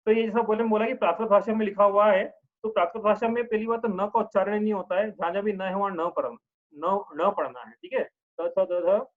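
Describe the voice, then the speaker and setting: A man's voice: high voice, fairly even intonation, phone-quality sound. A man giving a patient religious lesson, explaining step by step and often checking in with his listeners. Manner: chants verses slowly in a drawn-out tune. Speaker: religious teacher.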